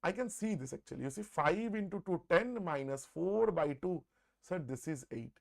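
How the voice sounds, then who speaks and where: A man's voice: a little high, expressive, moderate pace, gravelly. A man with an Indian accent teaching a live maths exam-prep lesson, conversational and repetitive, often saying "sir" and slipping Hindi words into his English. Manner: repeats phrases, often addresses listeners as "sir". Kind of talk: live exam-prep lesson, working through problems aloud.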